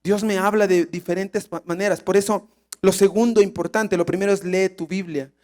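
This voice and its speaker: A male pastor preaching a sermon, emphatic and animated, often asking the congregation rhetorical questions. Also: high voice, normal speed.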